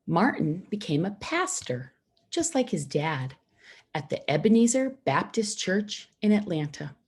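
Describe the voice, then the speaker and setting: A woman reads a children's picture book aloud to schoolchildren, slowly and expressively. She keeps her phrasing simple and deliberate, pausing for her young listeners. Her voice is lowish and slightly rough.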